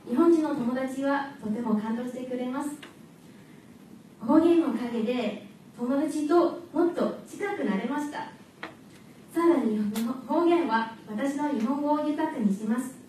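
A woman with a high voice gives a prepared contest speech in a non-native Japanese, clear and measured. She is recorded from a distance in a large, very echoey hall. Faint room ambience sits underneath. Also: darkish tone, slight background noise. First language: not Japanese. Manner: clear, measured delivery to an audience.

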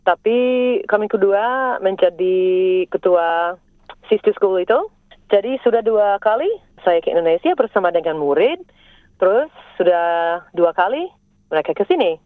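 A middle-aged woman from South Australia, a native English speaker who teaches Indonesian, answers interview questions in Indonesian as a foreigner, using simple, careful phrases and the odd English word. Her mid-range voice has lively intonation at a moderate pace with frequent pauses. It comes over a tinny, narrow-band phone line with no echo.

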